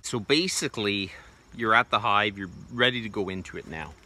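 A homesteading vlogger in his forties sounds animated, his lowish voice bright and forceful at a moderate pace. He gives a casual, plainspoken demonstration outdoors in a wooded bee yard, with many loose fillers. The clip is shot on a phone held close, and crickets and insects fill the background.

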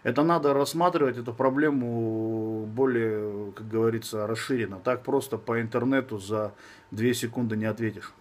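A man's voice: medium pitch, fairly even intonation, normal speed. A man in his thirties with a slushy, lisping s from braces, chatting casually and bluntly as a fitness coach answering viewers on a live stream. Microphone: phone at arm's length.

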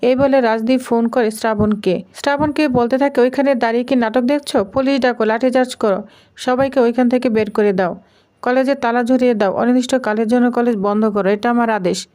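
Woman narrating a serial recap, higher voice. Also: fairly quick. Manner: steady storytelling, reading quoted lines aloud plainly. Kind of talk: scripted narration.

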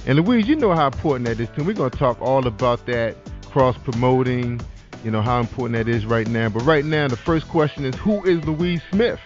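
A man hosting a casual online radio talk show, animated, with lots of shout-outs and "that's right". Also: mid-range voice, brisk. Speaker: podcast host. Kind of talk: casual internet radio chat. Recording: dull lo-fi sound with faint music.

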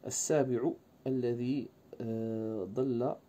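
A man lecturing, often pausing on fillers and asking his listeners rhetorical questions. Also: mid-range voice, fairly even intonation, dark tone, highs cut off. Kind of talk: university-style lecture.

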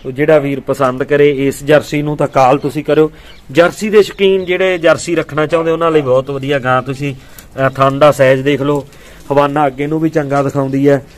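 A man hosts a dairy farming video outdoors. His voice sits a little high, and he talks casually and warmly to viewers he calls brothers and friends. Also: steady tone, fairly quick. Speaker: dairy farming vlog host. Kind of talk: casual livestock sale walkthrough. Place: outdoors on a farm.

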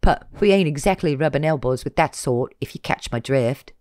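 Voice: mid-range voice, expressive, moderate pace, a little mellow, no room sound, clean studio sound, close to an everyday voice. A reader voicing a bored teenage male fae vendor who talks in a bland, slangy drawl.

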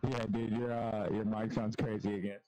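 A man's voice: fairly low pitch, level tone, moderate pace, warm tone, faint music behind, low-quality recording. A man chatting with friends over voice chat during a game, giving brief, easygoing replies. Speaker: teammate on voice chat. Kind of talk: casual gaming chat.

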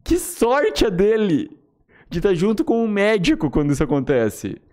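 A young man with a Brazilian accent streaming a horror game live. He is excitable, swears, and yelps and shouts in fright. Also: high voice, normal speed. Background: game music.

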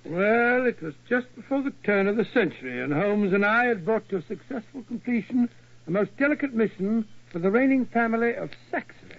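High-voiced, bluff Doctor Watson. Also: male voice, expressive, a little fast. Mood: genial, storytelling. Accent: British. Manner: bluff, chatty, fussy. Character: genial, grumbling older English gentleman doctor. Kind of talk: 1940s radio acting. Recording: dull, lo-fi old radio recording.

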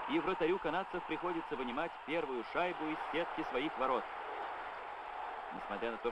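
A man giving brisk, upbeat scripted narration of a hockey match, as an old Soviet newsreel voice-over. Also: mid-range voice, dull audio. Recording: old newsreel sound over loud crowd and noise. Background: loud crowd and game noise.

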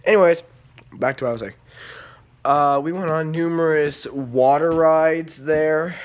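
Young male vlogger, unwell, slow, rambling casual delivery. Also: on the high side. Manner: rambling, filler-heavy, coughs and clears throat. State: feeling unwell. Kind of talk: casual vlog chat. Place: outdoors in heavy rain, then indoors.

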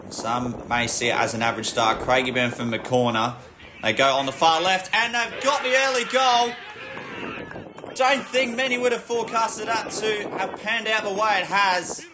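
A man giving football match commentary in measured phrases that lift with the play. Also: sits high, steady tone, noisy background. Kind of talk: sports commentary. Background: music.

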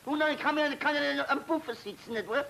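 A man's voice: very high-pitched, brisk, creaky, pushed and bright, a little hiss or hum, full character voice, low-quality recording. A fussy, flustered man. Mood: fretful. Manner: rambling, stammering, fretful. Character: fussy flustered Austrian man, anxious about travel. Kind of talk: 1930s film comedy acting.

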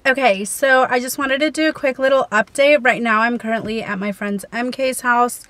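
A woman's voice: a little high, steady tone, moderate pace, a bit bright. A young woman, talking casually to camera in a lifestyle vlog, chatty and upbeat, with many fillers. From Texas. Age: young adult. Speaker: vlogger. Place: parked car, then small bedroom doorway.

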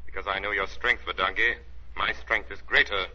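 An actor playing an ominous, taunting crime-fighter who lurks unseen, speaking with deliberate, commanding menace in an old radio drama. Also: male voice, fairly low pitch, steady tone, pushed and bright. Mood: stern, commanding. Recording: noisy, dull old radio recording.

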